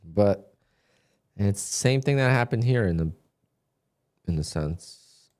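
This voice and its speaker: A man chatting casually on a live stream while day trading, thinking aloud with halting restarts. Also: fairly low pitch, lively intonation, a little mellow. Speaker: livestream day trader.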